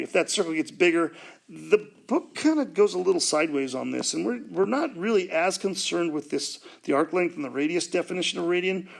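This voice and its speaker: A man's voice: a little high, creaky. A man teaching a recorded math lesson, talking through a drawing with jokes and asides. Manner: jokey, rambling, talks while drawing on a board.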